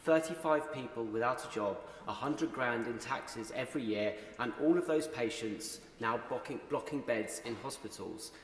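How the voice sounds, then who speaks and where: A man's voice: mid-range voice, normal speed, hardly any pauses. A man, a member of parliament, making an insistent, critical intervention in a debate. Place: large parliamentary chamber. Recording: echoey noisy hall.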